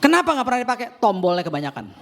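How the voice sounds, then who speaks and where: A man preaches with a fairly high voice, acting out the people in his story as he tells it. His sermon is lively and personal. A faint hiss of noise sits behind him. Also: racing, vocal fry. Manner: animated storyteller acting out dialogue. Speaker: pastor.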